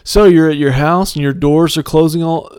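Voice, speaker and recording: A man's voice: fairly high pitch, fairly even intonation, normal speed, darkish tone, smooth, no room sound, studio quality. An American man chatting and joking casually as a quiz contestant.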